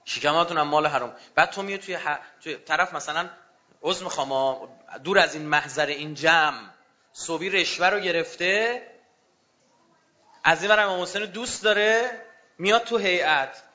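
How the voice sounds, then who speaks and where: A man preaching a fervent religious sermon to a gathering, swinging between loud outbursts and hushed low passages. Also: muffled recording.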